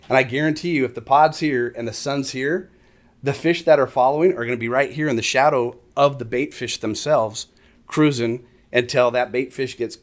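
A middle-aged man, explaining fishing tactics in casual conversation as an animated storyteller who acts out other anglers. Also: mid-range voice. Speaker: fishing guest expert. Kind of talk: casual chat.

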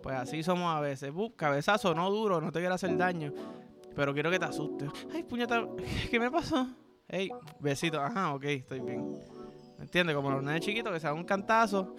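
A man's voice: on the high side, fairly quick, over music. A man with a Puerto Rican accent hosting a podcast, telling crude, playful stories in a rambling, slang-heavy comedic monologue. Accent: Puerto Rican Spanish. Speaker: podcast host.

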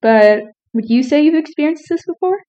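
A young woman co-hosts a casual podcast, teasing her partner and laughing easily. She talks through a retainer, and her fairly high voice sits on a dull, lo-fi recording. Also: expressive, a little fast, dark tone. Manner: playful, teasing, laughs often. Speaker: podcast co-host.

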